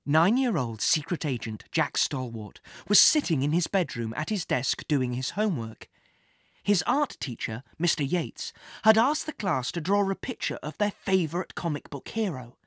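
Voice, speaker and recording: A woman narrating a children's adventure story in an expressive storybook reading style. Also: low voice, moderate pace, dry recording, studio quality. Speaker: audiobook narrator.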